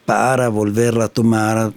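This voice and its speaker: A man in his fifties with an Italian accent, a native Italian speaker, answering interview questions in a thoughtful, halting way with many fillers, recorded in a recording studio. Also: fairly low pitch, flat delivery. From Italy. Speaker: sound engineer and studio founder, guest.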